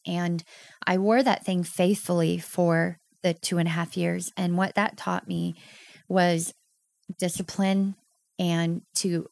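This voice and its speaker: In a lowish, creaky voice captured in a dry recording, a podcast guest in her thirties opens up about her own story. Her candid interview comes across as earnest and heartfelt.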